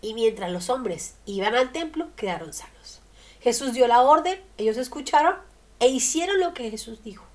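A woman preaching a radio sermon, emphatic, asking rhetorical questions and swinging between loud and soft. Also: fairly high pitch, animated, moderate pace.

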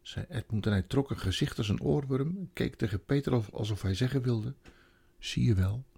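A man reading a children's storybook aloud, telling the story in an expressive, dramatic way. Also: mid-range voice, fairly quick, creaky, husky. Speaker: audiobook narrator.

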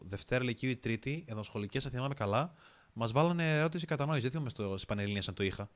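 A young man, a podcast guest, telling stories in a casual, slangy, animated way. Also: medium pitch. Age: young adult. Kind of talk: casual storytelling chat.

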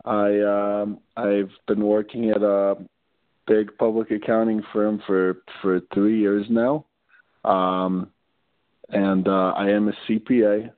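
A man's voice: on the low side, flat delivery, slow pace, no echo. A man in his twenties from Israel, calling in as a guest and talking politely and modestly with small hesitations. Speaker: caller, accountant. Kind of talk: casual phone interview. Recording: dry tinny phone line.

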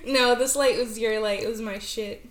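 High-voiced woman in an echoey room. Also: fairly even intonation, moderate pace. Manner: blunt, joking, swears freely. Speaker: podcast co-host. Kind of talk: casual chat. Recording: roomy, faint background noise.

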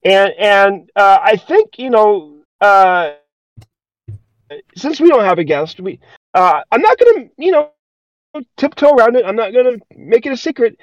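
A man co-hosting a podcast tells a story casually and ramblingly, with plenty of hesitations and restarts. His voice is high-pitched and very animated, his pace measured, and the lo-fi recording sounds dull and dry with no room sound.

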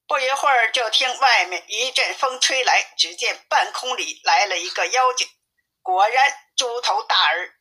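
A woman narrating a classic fairy tale aloud in a steady, clear reading voice. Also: fairly high pitch, low-quality recording. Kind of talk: storybook narration.

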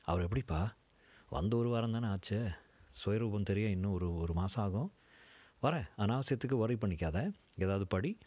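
A middle-aged father, gentle and teasing, speaks in a low, easy voice, played by a male storyteller. He reassures and jokes lightly. The sound is dry and close. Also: lively intonation, moderate pace, long pauses, no echo. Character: warm, easygoing widowed father, middle-aged engineer.

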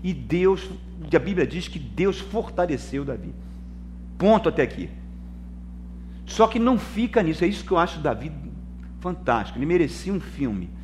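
High-voiced Brazilian preacher, dramatic swings. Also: male voice, big pitch swings, moderate pace, a little hiss or hum. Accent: Brazilian Portuguese. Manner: dramatic preaching, swings between loud and soft; addresses listeners as brother. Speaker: pastor. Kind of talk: sermon.

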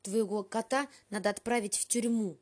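A woman's voice: high voice, expressive, normal speed, dark tone, voice pushed up. A woman voicing a distraught little girl who wails and shrieks accusations. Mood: shrieking.

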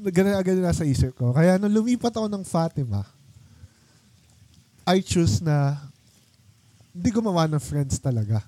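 Young guy chatting w his friends, kinda high voice but mellow and dark, rambles with lots of fillers, dry close sound. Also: lively intonation, normal speed, pauses often. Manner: rambling storytelling with many fillers and laughs. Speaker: podcast host. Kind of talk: casual chat with old friends.

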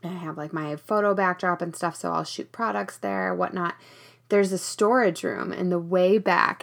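A woman's voice: mid-range voice, creaky, fairly bright tone. A woman hosting a podcast in a casual, chatty monologue, recorded in a small storage room with rain on the tin roof. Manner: chatty, conversational. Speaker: podcast host.

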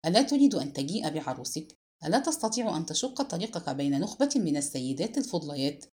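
A woman voicing a firm, mocking older brother in an audiobook, speaking lower and more quietly than her narration. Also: sing-song, a little fast. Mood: scolding. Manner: firm, scolding.

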